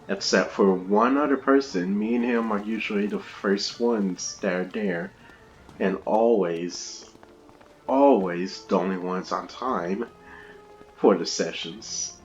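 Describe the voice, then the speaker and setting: A man's voice: fairly low pitch, big pitch swings, slow, long pauses, highs cut off, soft background music. A man hosting a casual let's-play, chatting and rambling with frequent laughs through a gaming headset. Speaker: gamer, video host.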